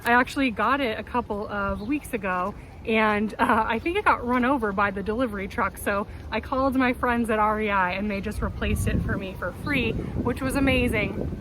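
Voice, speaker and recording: A woman with a fairly high voice chats casually to the camera like a gear vlogger. She sounds upbeat and keen. She is recorded outside in a city backyard, with clear wind and traffic noise around her. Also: moderate pace. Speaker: vlogger presenting hiking gear. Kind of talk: casual chatty gear talk to viewers. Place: outdoors in a windy city backyard. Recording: noisy outdoor city ambience, wind and traffic. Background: wind, vehicles, urban outdoor noise.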